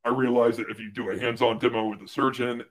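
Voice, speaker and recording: A young man, a guest on a livestream, telling a work story casually with lots of "like" and restarts, getting loud when he quotes someone. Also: medium pitch, fast. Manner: animated storyteller, fillers and restarts, loud when quoting others. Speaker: guest, former medical device rep.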